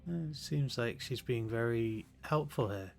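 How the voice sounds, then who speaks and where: A man's voice: medium pitch, a little slow, gravelly, faint music behind. A man hosting a livestream with casual, rambling, sarcastic commentary on a game show. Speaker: livestream host.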